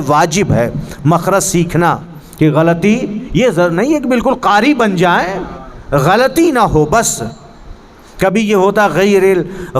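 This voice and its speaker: High-voiced man teaching Quran pronunciation. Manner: earnest, corrects pronunciation, demonstrates Arabic sounds. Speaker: religious teacher. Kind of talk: Quran recitation class. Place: mosque hall.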